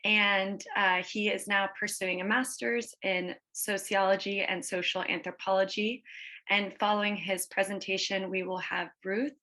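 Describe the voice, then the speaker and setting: A woman's voice: mid-range voice, flat delivery, normal speed, sharp tone. A woman moderating a conference, giving a formal introduction of speakers.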